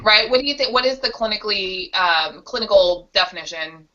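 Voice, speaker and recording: A woman's voice: mid-range voice, animated, a little fast, pushed and bright. A woman co-hosting a casual web show, joking and laughing often. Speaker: co-host. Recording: dull lo-fi webcam audio.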